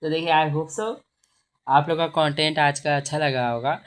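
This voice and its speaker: A woman's voice: deep voice, fairly even intonation, unhurried. A woman teacher explaining a textbook reading lesson, patiently repeating and sounding out words. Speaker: Urdu teacher.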